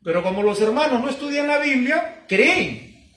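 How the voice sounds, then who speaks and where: A man's voice: very high voice, animated, normal speed, fairly bright tone, recorded from a distance. A man, a pastor preaching emphatically with repeated rhetorical questions. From Peru. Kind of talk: sermon teaching. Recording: roomy sound from off-mic.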